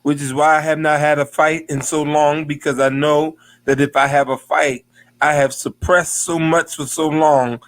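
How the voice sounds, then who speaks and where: Earnest man in his fifties, higher voice. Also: little pitch movement, moderate pace. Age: 50s. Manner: earnest, repeats words as he starts sentences. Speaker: minister and guest. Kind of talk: casual interview chat.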